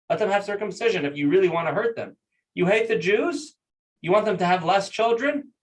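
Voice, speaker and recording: Guy putting on an old rabbi envoy pleading his case, pitched up high, kinda far from the mic. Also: close to an everyday voice. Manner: earnest, reasoning, emphatic. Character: pleading ancient rabbi diplomat, man.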